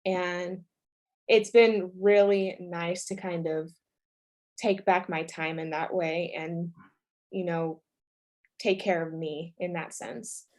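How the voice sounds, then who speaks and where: A woman's voice: on the low side, steady tone, takes it slowly, pauses often, a little mellow. Woman co-host, sincere, laughs a lot, casual chat. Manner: earnest, laughs often. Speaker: podcast co-host.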